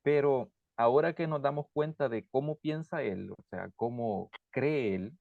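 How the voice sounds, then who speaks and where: A man's voice: medium pitch, measured pace, creaky, no echo. Brief: male host, easygoing and plain-spoken, dry lo-fi recording. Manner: relaxed, plain-spoken, with restarts. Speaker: channel host. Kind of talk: casual conversation. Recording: dry, dull lo-fi sound.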